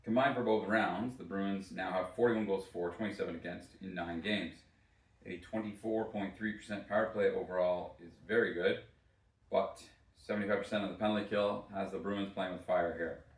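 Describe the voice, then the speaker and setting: Deep-voiced hungover man, distant and echoey. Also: steady tone, normal speed. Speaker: sports podcast host. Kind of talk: casual solo sports podcast commentary. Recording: roomy echo, distant from mic.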